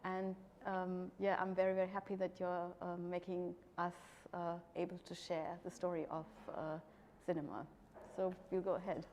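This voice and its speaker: A woman's voice: on the low side, little pitch movement, moderate pace, darkish tone, muffled recording. A woman moderating a panel discussion, speaking hesitantly with many "um"s. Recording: long hall reverb, faint background noise.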